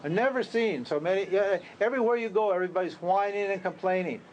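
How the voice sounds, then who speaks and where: A man's voice: high voice, quick pace, lo-fi sound, a little hiss or hum. A man, a spiritual teacher, giving an informal talk to a group, conversational and full of rhetorical questions. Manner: conversational, rhetorical questions, laughs at his own lines.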